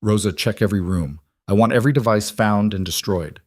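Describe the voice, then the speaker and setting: A man's voice: fairly low pitch, fairly quick, no echo, clean studio sound, lightly acted. A man reading the lines of a young mafia boss husband, tense, clipped and firm. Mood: strained.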